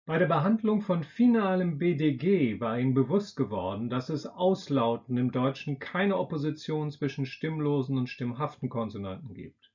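A pronunciation teacher leading a slow drill, saying each word twice with careful, deliberate articulation. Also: mid-range voice, animated, darkish tone. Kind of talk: slow pronunciation drill, words spoken in pairs. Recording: dull lo-fi recording.

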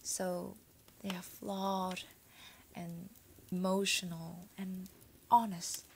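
A young woman from Vietnam telling a travel story to camera, soft and breathy, often dropping to a whisper. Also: on the low side, little pitch movement, very slow, a little hiss or hum, rough recording. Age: 20s. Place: small indoor room, decorated set.

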